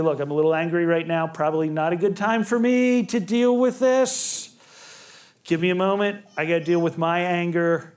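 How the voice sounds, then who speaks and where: A man with a fairly high voice leads a family relationships seminar for a live group. He keeps it conversational and slips into short acted-out lines of dialogue to make his points. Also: a little mellow. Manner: conversational, acts out quoted dialogue.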